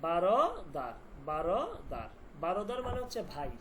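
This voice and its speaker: A man's voice: high-pitched, huge pitch swings, normal speed. Man, language teacher, online class, repeats and quizzes, faint noise behind. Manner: repeats words and drills meanings with questions.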